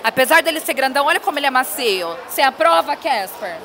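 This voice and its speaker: A woman's voice: sits high, lively intonation, fast, background noise. A woman in her thirties, a bold and teasing guest, speaking confidently into a handheld mic at a busy indoor fair. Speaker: interview guest, professional dominatrix. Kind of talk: casual on-location interview. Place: busy indoor expo hall. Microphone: interviewer's handheld mic.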